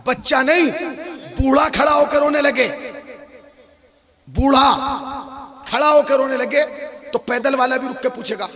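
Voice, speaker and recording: High-voiced cleric preaching, story-driven. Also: male voice, fairly even intonation, unhurried, long pauses, big-room sound. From North India. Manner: dramatic, rising into sung and shouted cries. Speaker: Islamic cleric. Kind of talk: majlis sermon storytelling. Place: shrine gathering.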